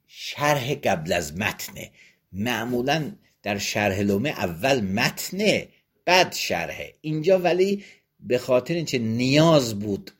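Husky man giving a seminary lecture. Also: mid-range voice. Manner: reads passages aloud, then explains them plainly point by point. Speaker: religious law teacher. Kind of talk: seminary lecture, reading and explaining a text.

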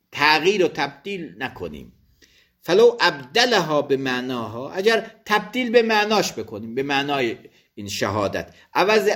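A man's voice: a little high, a bit bright. A man teaching religious law, reading each phrase of a text aloud and then explaining it, sometimes correcting himself mid-word. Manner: thinks aloud with quick self-corrections.

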